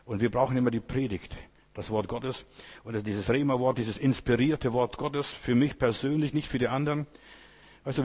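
A man's voice: mid-range voice, darkish tone, slightly rough. A man preaching a sermon, addressing the congregation directly and often asking "you know?". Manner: addresses listeners directly with "weißt du" and "Geschwister".

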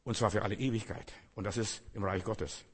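A man's voice: lowish voice, fairly even intonation, fairly quick, husky. A man preaching a sermon, speaking emphatically with repeated phrases and rhetorical questions addressed straight to his listeners.

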